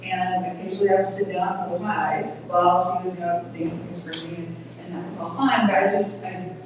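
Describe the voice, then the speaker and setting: A middle-aged woman with a small, thin voice giving an earnest public talk at a community event, speaking plainly with halting restarts. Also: on the low side, steady tone, recorded from a distance, background noise. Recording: echoey hall recorded from afar, dull.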